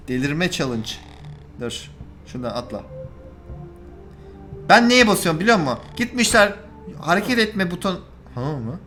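A man giving casual let's-play commentary, talking to viewers and swinging from calm remarks to exasperated shouting at the game. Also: sits high, a little slow, pauses often, faint music behind. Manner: addresses viewers directly. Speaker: gaming YouTuber.

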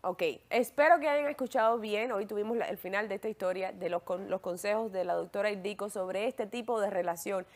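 A woman's voice: medium pitch, a little fast, few pauses. A woman hosting a talk show, prompting her guest and emphatic in casual chat.

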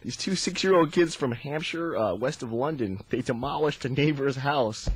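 A man's voice: medium pitch, moderate pace, husky, no room sound, poor audio. A young man in his twenties, a radio co-host who casually reads odd news stories and keeps laughing through them.

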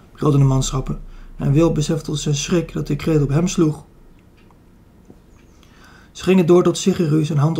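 A man reading a children's adventure audiobook aloud. His voice sits fairly high but stays flat and even, with a mellow, somewhat husky timbre. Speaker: audiobook reader. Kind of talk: scripted narration of a children's novel.

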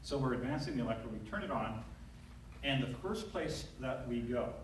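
At normal speed and medium pitch, a middle-aged neurosurgeon delivers a conversational conference talk from a lectern, telling a story with lots of fillers. The large lecture hall is very echoey, since the recording comes from an audience camera far back, and there's a little hiss or hum.

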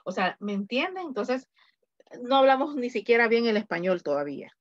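A woman with a Latin American Spanish accent teaching an English grammar class online, slowly and patiently repeating example answers. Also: a little high, lively intonation, no echo, lo-fi sound.

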